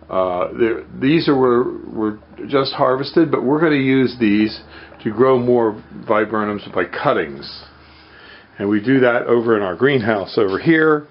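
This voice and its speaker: A man demonstrates his work in an easygoing, practical way. He speaks at a middling pitch. Faint outdoor ambience sits under his voice. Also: muffled recording, slight background noise. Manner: plain, hands-on explaining with fillers. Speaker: farm grower. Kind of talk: casual demonstration.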